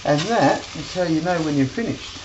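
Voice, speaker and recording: Woman cooking vlogger, low voice, chatty and homely; echoey home kitchen, loud frying behind. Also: lively intonation, moderate pace, dull audio, background noise. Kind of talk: casual cooking demonstration. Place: home kitchen with sizzling pan.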